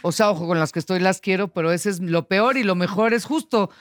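A woman co-hosting a casual chat, teasing and bantering quickly. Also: medium pitch. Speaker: co-host.

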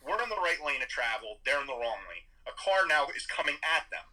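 A man telling a story in casual chat, animated and swearing freely. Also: mid-range voice, fairly quick, rough recording.

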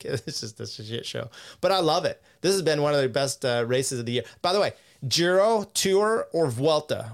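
A man hosting a podcast in casual chat, rambling, swearing and laughing as he reads out news quotes. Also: mid-range voice. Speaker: podcast host.

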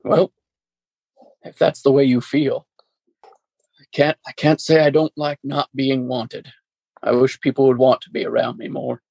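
Comedy sketch: weary, easily offended talking hat performed by a man, gravelly and full of self-pity, mid-pitched. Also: little pitch movement, measured pace, long pauses, darkish tone, dry recording. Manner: grumbling, self-pitying. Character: weary, touchy, needy talking Sorting Hat. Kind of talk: improvised comedy sketch acting.

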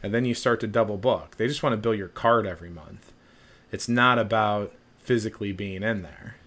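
Male gym coach on a podcast, a bit low-pitched, blunt and casual, drops swear words while telling stories. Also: normal speed, fairly bright tone. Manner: blunt and profane, with frequent fillers. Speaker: sports performance coach and gym owner.

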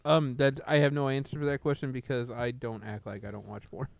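A man's voice: medium pitch, little pitch movement, fairly quick, creaky, dry recording. A man co-hosting a casual wrestling podcast, joking and bantering with his friends. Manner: joking, mock-teacher delivery in his segment. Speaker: podcast co-host.

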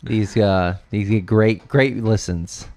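A young man hosting a casual podcast chat, relaxed and a little rambling, quick to laugh. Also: fairly low pitch, no room sound. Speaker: podcast host.

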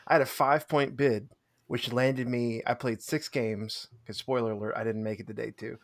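A man's voice: mid-range voice, steady tone, normal speed. Chatty man laughing through a recap. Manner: rambling, self-deprecating, laughs often. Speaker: podcast co-host. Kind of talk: casual chat recapping a tabletop tournament.

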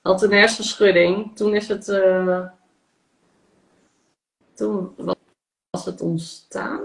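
A woman's voice: medium pitch, steady tone, slow, vocal fry. A woman recounts a personal experience in a coaching session, hesitant and full of fillers. Her voice carries a noticeable roomy echo. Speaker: session participant. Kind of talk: casual personal account. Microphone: online live session.

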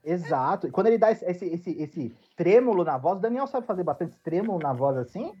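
A man's voice: sits high, big pitch swings, fairly quick, dark tone, breathy edge. A man chatting casually on a podcast, playful and emphatic, full of slang. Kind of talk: casual group chat. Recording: slightly dull lo-fi sound with faint music.

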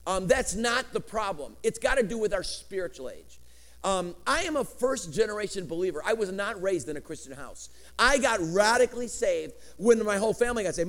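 Preaching a spirited sermon with swinging inflections and jokey asides, a middle-aged pastor from Chicago with Greek as his first language speaks in a high voice.

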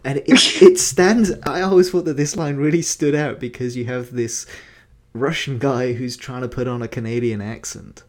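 A male podcast host with an ordinary, middle-pitched voice, talking in a relaxed and chatty way. He runs a casual quiz segment and reads out plugs, often pausing with fillers.

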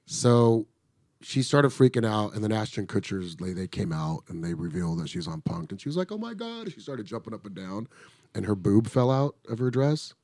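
A middle-aged man with a fairly low voice tells a story in an easygoing, animated way, swearing freely. He sounds close and dry, with no room sound. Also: normal speed, no echo. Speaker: actor telling a show-business story. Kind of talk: casual storytelling chat.

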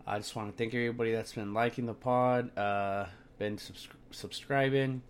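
A man's voice: medium pitch, steady tone, moderate pace, clean tone. A young man talking sports on a solo podcast in a brash, slangy, sweary frat-bro manner, sounding sick and tired.

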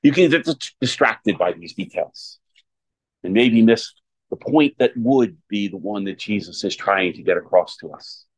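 Measured male priest giving a homily. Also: on the low side, animated, slightly rough, low-quality recording. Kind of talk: homily and Gospel reading.

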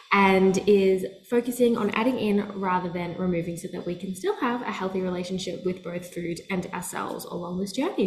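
A woman's voice: medium pitch, darkish tone, a little hiss or hum. A woman hosting a wellness podcast, speaking in an upbeat, enthusiastic way, first in a scripted intro and then in casual conversation. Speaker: podcast host and nutritionist. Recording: roomy echo, faint music.

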